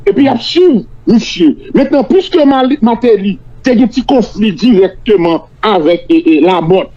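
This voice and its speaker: A Haitian man with a strikingly high-pitched yet soft-edged, mellow voice gives political commentary. He slides between French and his native Creole, haltingly repeating small words as he argues. The sound is muffled and lo-fi, like talk radio. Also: expressive. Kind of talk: political analysis on a talk show. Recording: dull lo-fi radio-like audio.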